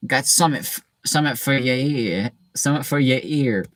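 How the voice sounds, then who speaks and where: A huge, gruff, kindly giant, as a male reader puts him on for a storybook reading, speaking slowly at a middle pitch. The sound is dry but picked up from some distance away. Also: fairly bright tone, no room sound, close to an everyday voice. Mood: gruff, friendly. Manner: slow, drawn-out delivery. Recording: distant mic in a dry room.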